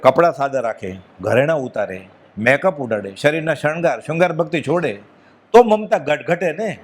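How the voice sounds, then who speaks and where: A man's voice: fairly high pitch, lively intonation, moderate pace. A man giving a devotional discourse with a Gujarati accent, earnest and emphatic, dropping his voice when quoting others. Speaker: spiritual speaker.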